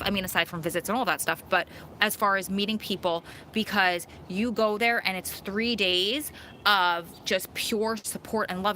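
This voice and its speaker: On a live Q&A stream, a woman in her thirties from Long Island, New York, with a New York and New Jersey accent reads viewer comments, chatting casually and laughing at herself often. Her medium-pitched voice is bright and pushed, with a little hiss or hum.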